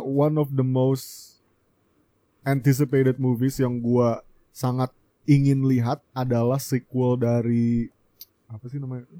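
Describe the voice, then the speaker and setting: A man's voice: medium pitch, warm tone, no room sound. A young man with an Indonesian accent co-hosting a casual film chat, talking in emphatic slang and switching in and out of English. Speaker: podcast co-host. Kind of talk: casual chat about films.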